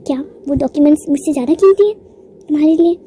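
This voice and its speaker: Lovestruck young heroine in a manga recap, high, mellow and pleading, put on by a woman. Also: quick pace, a little hiss or hum, natural voice. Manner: pleading, affectionate.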